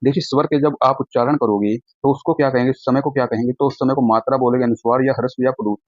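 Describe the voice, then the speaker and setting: A man teaching an online exam-prep lesson, brisk and repetitive, often addressing students as friends. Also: medium pitch, steady tone, a little mellow, dry recording, muffled recording.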